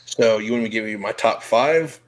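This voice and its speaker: A man's voice: on the low side, a little fast, a little hiss or hum, low-quality recording. A young man hosting a show, chatting casually with blunt, profane, laughing talk. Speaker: podcast host. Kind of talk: casual chat.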